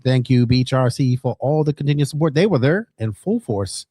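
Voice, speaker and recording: Excitable man, podcast co-host. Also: medium pitch, moderate pace, faint music behind. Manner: excitable, swears, shouts with enthusiasm. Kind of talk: casual podcast chat.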